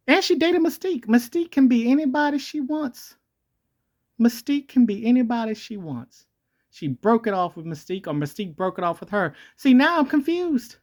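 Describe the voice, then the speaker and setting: Rambling vlogger through a morphing voice changer. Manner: jokey, rambling, self-correcting, pitch jumping around. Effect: voice changer that shifts and morphs the voice. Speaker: video host. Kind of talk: rambling comedic commentary.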